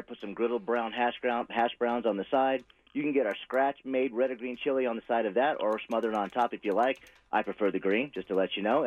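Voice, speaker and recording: Upbeat salesy man on a tinny phone line. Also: medium pitch. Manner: upbeat salesy, rattles off menu items. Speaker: restaurant caller promoting specials. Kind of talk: phoned-in radio promo. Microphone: telephone.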